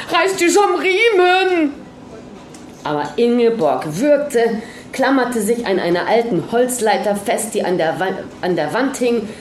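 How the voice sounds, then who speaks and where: A woman narrating a story aloud in a lively, dramatic reading manner. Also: a little high, reverberant, slight background noise.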